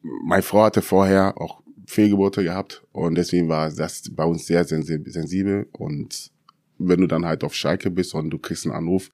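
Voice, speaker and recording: Deep-voiced man telling a story. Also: normal speed, no room sound, studio quality. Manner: lively storyteller, acts out quoted dialogue. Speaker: guest, former footballer. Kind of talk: casual interview storytelling.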